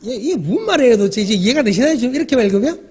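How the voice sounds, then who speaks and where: A very high-pitched, expressive male voice, a little mellow with a breathy edge, comes out rapid-fire. He's a pastor giving a conversational sermon who frequently questions the congregation and plays out the dialogue he quotes.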